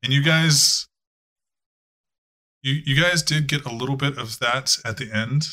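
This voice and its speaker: A man's voice: mid-range voice, measured pace, pushed and bright. A man narrating a tabletop game as game master, casual and profane, with frequent fillers.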